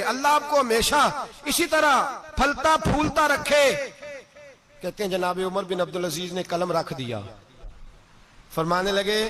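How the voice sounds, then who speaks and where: Male preacher with a high voice, impassioned storytelling sermon, climbs to loud exclamations. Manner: retells a story with emotional, rising exclamations.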